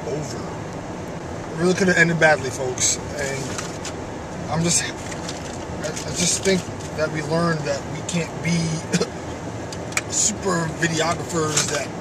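Tired sounding young guy rambling in a car vlog, kinda high voice, sweary, lots of noise. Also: steady tone, takes it slowly, pauses often. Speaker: video creator, vlogger. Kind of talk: casual vlog chat. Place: inside a car. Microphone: camera in the car, off from the mouth. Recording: noisy car interior, distant mic.

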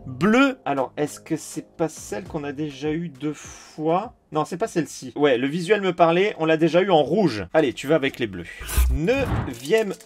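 A man's voice: on the high side, lively intonation, moderate pace, soft background music. A man giving casual, enthusiastic commentary as he opens trading card packs, talking straight to his viewers. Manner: enthusiastic, chatty, addresses viewers directly. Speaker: YouTube card collector.

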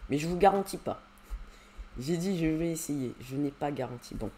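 A man's voice: fairly high pitch, lively intonation, moderate pace, mellow, slight background noise. A man giving casual, rambling gameplay commentary at his computer, hesitating often with fillers. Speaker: YouTuber.

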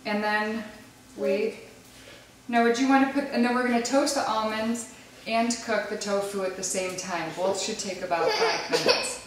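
A mother in her thirties hosts a casual home cooking video in a large indoor kitchen, patiently explaining each step while coaxing small children along. Her mid-range voice is fairly even at normal speed. Recorded by a camera across the counter, the sound is echoey and noisy, with clattering pans, dishes, clicks, and children in the background.

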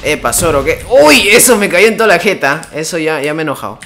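A man with a somewhat high voice calls out his game as it happens. He swings between quick remarks and sudden excited yelps. Game music plays clearly behind him. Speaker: gaming streamer. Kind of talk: live gameplay commentary.

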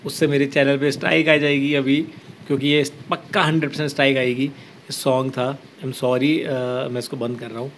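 A man's voice: medium pitch, level tone, normal speed, fairly bright tone, a little hiss or hum. A man from Uttarakhand hosting a casual live stream, reading viewer comments aloud and answering them with easygoing reassurance. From Uttarakhand, India. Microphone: headset.

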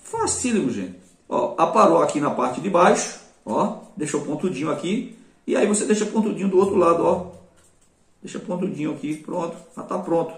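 A man's voice: a little high, expressive, normal speed. Man, Brazilian Portuguese accent, casual craft tutorial, talks to viewers, roomy echo, distant mic. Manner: chatty, addresses viewers as "gente" and praises his work. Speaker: craft instructor.

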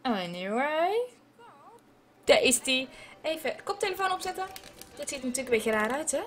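Her high, somewhat bright voice swings widely in pitch at a normal speed. She's a gaming video host playing at home on headphones, chatting casually with viewers, cursing heavily and throwing in English phrases.

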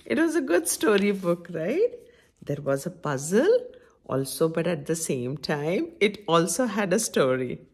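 Lowish and husky, her voice is very animated yet unhurried as she reads a picture book to little children and asks them many direct questions. The middle-aged woman hosts children's story time from a room at home near a window.

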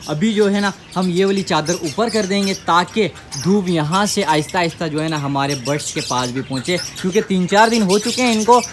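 A man, chatting casually to the camera as he shows his pet birds, animated and exclaiming at them. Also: sits high, brisk, hardly any pauses. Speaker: pet vlogger. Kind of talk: casual vlog narration. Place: outdoor backyard with bird pens. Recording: noisy outdoor phone recording. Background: birds chirping and squawking.

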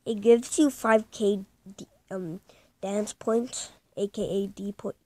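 A woman's voice: mid-range voice, fairly even intonation, slow pace, no echo. A woman hosting a casual gaming video, rambling with lots of hesitant ums as she talks through the game. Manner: hushed at times so as not to wake someone. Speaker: gaming channel host.

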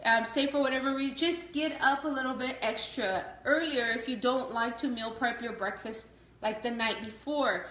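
A woman in her thirties chats to a counter camera in her home kitchen, walking through her meal prep in a casual, coaching way. She repeats herself and slips into friendly preaching about exercise. Her voice sits slightly high, and the kitchen gives it a roomy echo. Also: moderate pace, fairly bright tone. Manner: chatty, repetitive, preachy encouragement. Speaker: fitness coach vlogger. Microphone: camera on the counter in front of her. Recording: echoey kitchen.

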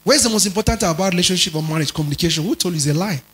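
Male pastor for a sermon. Lifted high pitch, dramatic delivery that swings from soft asides to shouted lines, calls out questions to the room. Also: rapid-fire, poor audio. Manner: dramatic preaching, shifts between soft asides and shouted emphasis; asks the congregation questions.

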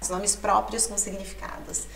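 A woman teaching an Italian lesson to Portuguese speakers, explaining patiently and reading lyric lines aloud slowly. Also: medium pitch, little pitch movement, creaky. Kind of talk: language lesson. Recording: echoey room, mic at a distance.

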